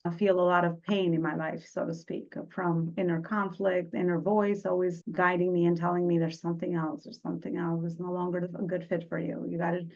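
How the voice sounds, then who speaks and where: A middle-aged woman from Albania, a podcast guest telling her life story in an earnest, slightly halting way. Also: lowish voice, flat delivery, creaky, darkish tone. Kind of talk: reflective personal storytelling. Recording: dull lo-fi sound.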